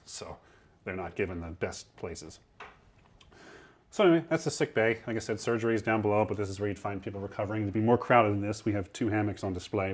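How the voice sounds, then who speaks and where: A man's voice: deep voice, breathy edge. A man in his thirties guiding a tour below deck on a historic ship, explaining in a chatty way with a lapel mic. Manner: chatty, explanatory, acts out quoted sailors. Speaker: museum ship guide.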